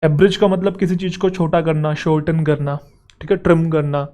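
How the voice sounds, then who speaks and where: A man teaching English grammar for exam preparation, explaining step by step and checking in with quick rhetorical questions. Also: a little high, little pitch movement, dark tone. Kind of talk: Hindi exam-prep lecture.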